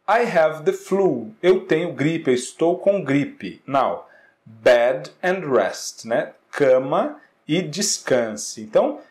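A Brazilian man with a Brazilian Portuguese accent teaches English in a classroom style, his voice sitting a little high and moving up and down a lot. He says each English phrase slowly and carefully, then explains it in Portuguese, with a steady "né?" and "ok?" after nearly every point. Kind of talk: classroom-style lesson correcting exercises.

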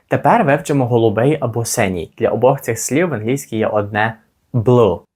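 A man teaching children simple English words slowly, encouraging them and pausing so they can repeat. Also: medium pitch, a little mellow. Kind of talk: slow, clear language lesson for kids.

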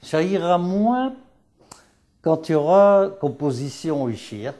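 A man's voice: fairly high pitch, sing-song, a little slow, dark tone. A man teaching local dialect on television, explaining words, repeating them and asking and answering his own questions. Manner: didactic, repeats words, asks and answers himself.

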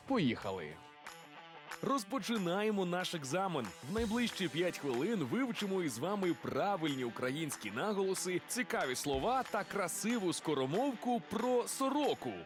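A man working as a TV street reporter, playfully quizzing people in a lively voice-over. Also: sits high, moderate pace, few pauses, music in the background. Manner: playful, teasing quizmaster.

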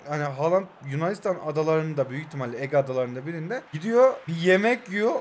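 A young man from Turkey with a high, light voice, chatting as he plays a mobile football game. His banter is joking and self-mocking. When a move builds up he switches to fast, excited play-by-play. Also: slight background noise. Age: 20s. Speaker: mobile football gaming YouTuber. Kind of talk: live gameplay commentary.

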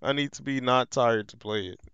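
A man's voice: mid-range voice, normal speed, a bit bright, clear, resonant tone, dry recording, dull audio. A man doing casual, slangy game commentary, joking, swearing and repeating his phrases. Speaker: gaming streamer narrating playthrough. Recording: game music behind voice.

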